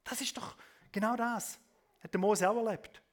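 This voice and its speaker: Man, preacher, high voice, sermon delivery that swings between loud emphasis and soft asides, tag questions. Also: fairly even intonation, normal speed. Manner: often adds a questioning "oder?" tag.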